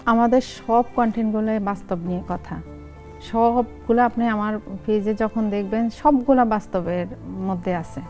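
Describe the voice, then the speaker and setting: A woman in her forties with a Noakhali Bengali accent, a guest in an interview, telling lively stories and acting out family dialogues. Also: medium pitch, normal speed, faint music behind. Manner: lively storytelling, acts out family dialogues in dialect. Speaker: guest, family content creator. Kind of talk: casual interview chat.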